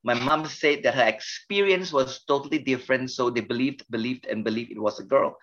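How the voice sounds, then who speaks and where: A man's voice: medium pitch, brisk, a bit bright, highs cut off. A man in his sixties from Malaysia, a pastor speaking as an interview guest, earnest and reflective as he tells his life story. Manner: earnest, reflective, with frequent restarts.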